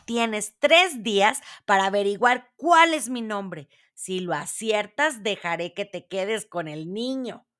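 A woman's voice: mid-range voice, lively intonation, takes it slowly, few pauses, a bit bright. A woman voicing a grotesque, greedy male dwarf who makes bossy, demanding bargains in a storybook reading. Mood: bargaining.

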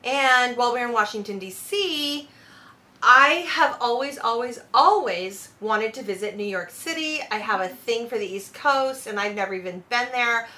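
A woman hosting a podcast, chatting in a brash, animated way and swearing freely. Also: on the high side, normal speed. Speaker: podcast host. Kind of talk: casual chat.

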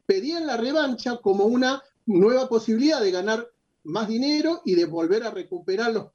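Husky Argentine journalist in a heated argument. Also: male voice, extremely high pitch, animated, brisk, a little mellow, lo-fi sound. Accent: Argentine Spanish. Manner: insistent, talks over the other speaker. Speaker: boxing journalist.

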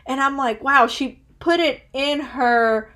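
A woman in her early thirties hosts a relaxed podcast conversation. Her voice sits quite high, and she rambles, restarts and leans on "like" constantly. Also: slow pace. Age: 30s. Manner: chatty, rambling, says "like" constantly. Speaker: podcast host. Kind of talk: casual interview chat.

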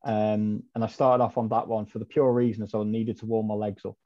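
A man's voice: fairly low pitch, little pitch movement, a little fast. A man, a podcast guest telling a long story in a chatty, rambling way with many ums and self-corrections. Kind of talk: casual storytelling chat. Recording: dull lo-fi audio.

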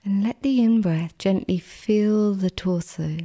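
A woman guiding a relaxation meditation like a sleep story narrator, soothing and gentle, with a soft, sometimes breathy voice and long pauses. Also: mid-range voice. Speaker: meditation guide.

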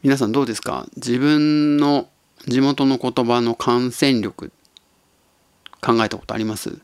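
A man's voice: mid-range voice, fairly even intonation, measured pace, clear, resonant tone. A man from Tottori hosting a casual solo podcast, musing in an easygoing way and chuckling often. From Tottori, Japan. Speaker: podcast host.

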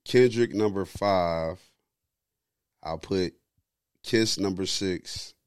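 A man's voice: sits low, slow pace, clean tone, no echo, studio quality. A man chatting casually, opinionated and slangy, with plenty of swearing, as he argues a ranking. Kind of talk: casual chat, ranking favorite rappers.

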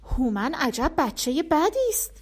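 A woman's voice: high-pitched, very animated, pitched above the performer's own voice. A woman voicing a man who minds a small boy and answers him in short, plain replies. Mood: curt.

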